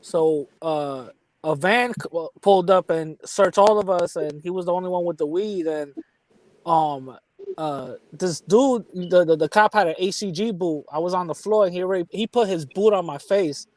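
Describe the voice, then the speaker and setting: A man's voice: sits high, normal speed, no room sound, low-quality recording. A man with a New York accent telling candid street stories in casual chat, often restarting his sentences.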